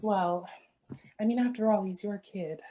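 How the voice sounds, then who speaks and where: An actress playing Janine, a gentle and unsure co-parent mother, in a play reading over a video call. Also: mid-range voice, a little slow, close to an everyday voice. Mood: hesitant. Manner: warm-hearted, unsure of herself.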